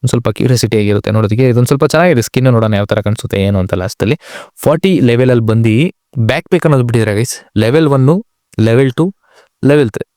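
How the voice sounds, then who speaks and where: This man's mid-range, slightly mellow voice races along as he hosts a channel, giving offhand game update commentary straight to his viewers with English words sprinkled in. The studio-quality recording has no echo.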